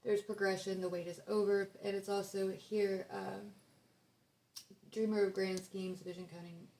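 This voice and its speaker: A woman's voice: mid-range voice, flat delivery, normal speed, gravelly, mellow. A young woman giving a casual tarot reading, rambling with many fillers as she reads card texts aloud. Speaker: tarot reader.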